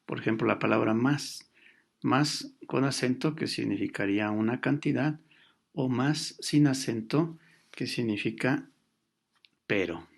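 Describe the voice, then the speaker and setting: A man teaching a grammar lesson, explaining patiently with pauses and fillers. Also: medium pitch, creaky.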